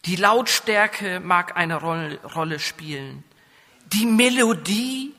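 A man's voice: high-pitched, lively intonation, takes it slowly, pushed and bright. A man from northern Germany with a coastal accent, preaching a sermon. He often asks the congregation questions and builds up to raised, emphatic passages. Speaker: pastor. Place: church. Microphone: microphone. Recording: hall reverb.

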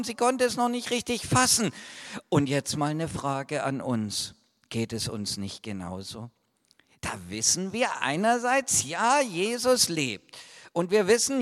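A man tells a Bible story to children as a sermon, dramatic and unhurried. His voice sits high and leaps around, and he drops to hushed whispers between loud calls. Long reverb from a large hall hangs after each line. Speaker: preacher.

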